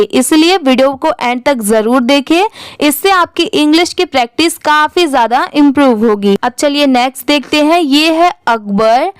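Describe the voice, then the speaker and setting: A woman teaching English reading, spelling each word letter by letter, then saying it slowly and asking and answering her own questions. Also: sits high, no echo. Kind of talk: step-by-step spelling and pronunciation lesson.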